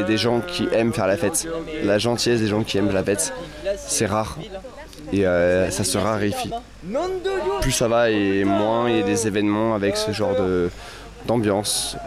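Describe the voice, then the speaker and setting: Male festival-goer, fairly deep, thoughtful and halting interview delivery, clearly audible crowd around him. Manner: hesitant, searching for words, repeats himself. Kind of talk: casual reflective interview. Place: outdoors at a festival. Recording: outdoors with clear crowd noise.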